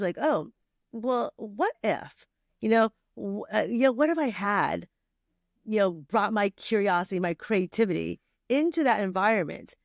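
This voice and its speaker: This medium-pitched voice belongs to a middle-aged woman from Vietnam talking casually as a podcast guest. Her speech is full of fillers, restarts and laughter, and the studio recording is clean and echo-free.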